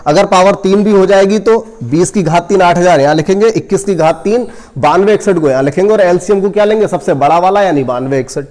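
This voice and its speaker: A man's voice: high-pitched, a little fast. A man teaching a coaching class in math, working sums aloud step by step and talking straight to his students. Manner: addresses students directly, gently scolding.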